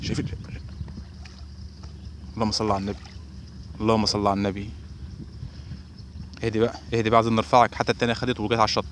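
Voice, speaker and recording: A man with an Egyptian Arabic accent giving excited live commentary while fishing outdoors by a canal, talking to his viewers and calling out exclamations. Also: lowish voice, a little hiss or hum. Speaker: fishing vlogger.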